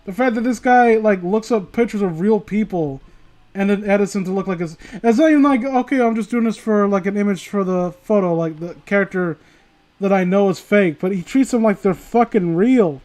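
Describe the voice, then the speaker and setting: Reading stories to viewers at a moderate pace, this male streamer has a notably high, a little mellow voice. His casual delivery wanders, is full of swearing, and frequently breaks off mid-sentence for a mocking remark.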